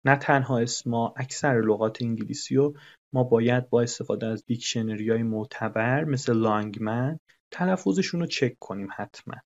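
A man teaching English, explaining patiently, repeating phrases and translating them. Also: mid-range voice. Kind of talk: recorded lesson explanation. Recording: dull lo-fi recording.

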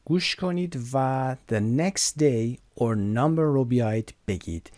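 A man teaching English to learners, explaining slowly and clearly and drawing out each English word so it can be repeated. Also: medium pitch, expressive, darkish tone, no room sound. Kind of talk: recorded online lesson.

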